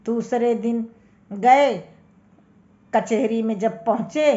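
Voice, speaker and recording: Woman telling a folk tale real slow, kinda high voice, muffled sound. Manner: slow, homely, unhurried telling with hesitations. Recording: dull lo-fi recording.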